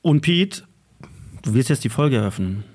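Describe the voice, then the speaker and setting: A man's voice: mid-range voice, lively intonation, a little mellow, husky. A man, co-hosting a local podcast in teasing, joking banter. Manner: teasing, drawn-out joking delivery. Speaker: podcast co-host.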